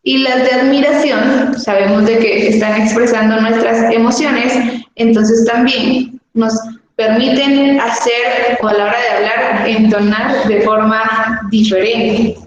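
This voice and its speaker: A woman teacher walks through a textbook lesson at an unhurried pace, pausing to ask rhetorical questions. Her slightly high voice carries a heavy echo and long reverb, with a faint hiss underneath. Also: steady tone, highs cut off. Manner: patient, explanatory, asks rhetorical questions. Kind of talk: classroom lesson reading from a textbook. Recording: echoey room with long reverb and faint noise.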